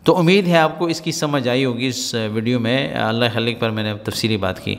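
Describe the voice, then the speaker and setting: Male teacher, patient repetitive explaining, mid-pitched voice, long reverb. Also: creaky. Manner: patient, repetitive explaining with frequent "right?" checks. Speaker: Arabic teacher. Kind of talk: spoken Arabic lesson explained in Urdu.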